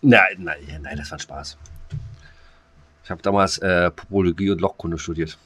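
This podcast co-host speaks at normal speed in a low-pitched, husky voice with a slightly bright edge. Throughout the joking chat he rambles, with many ums, fillers, and restarts.

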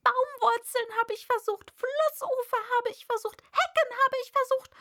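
A woman's voice: extremely high pitch, normal speed, a bit bright, voice pushed up. A woman voicing an indignant female pigeon who shrieks and scolds in a sobbing complaint, as a character in a read-aloud story. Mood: shrill lament. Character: shrill, indignant female pigeon guarding eggs. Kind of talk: audiobook character voice.

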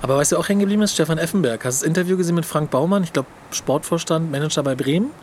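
A young man co-hosting a podcast in casual chat, telling stories in an animated, slangy way and laughing often. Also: on the high side, racing, a little hiss or hum. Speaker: podcast co-host.

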